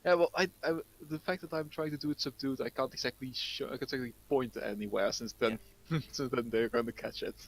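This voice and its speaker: A man's voice: medium pitch, steady tone, brisk, a little hiss or hum, poor audio. A man playing a tabletop game, explaining his moves in rambling stop-start bursts. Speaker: player. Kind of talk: casual tabletop play.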